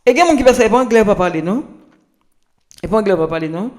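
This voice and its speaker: High and animated yet a little mellow, this man's voice carries a Haitian Creole accent. He's a language tips presenter giving a casual spoken lesson on pronunciation, halting and repetitive with many restarts.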